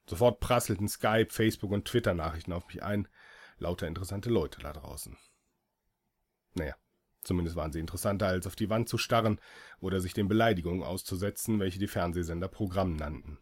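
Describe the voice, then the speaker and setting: A man's voice: sits low, fairly quick. A man reading a first-person story aloud as an audiobook, with dry, ironic delivery. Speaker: audiobook reader.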